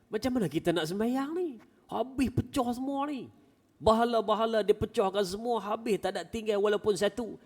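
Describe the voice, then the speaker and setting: A male preacher voicing an upset wife in a high, shrill complaining voice. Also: brisk, darkish tone. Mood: distressed. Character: upset wife of an idol worshipper, woman, shrill.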